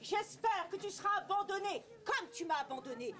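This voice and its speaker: A woman voicing a cruel, greedy ogress mother who shouts and gloats in drawn-out boasts. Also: very high-pitched, expressive. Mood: cursing.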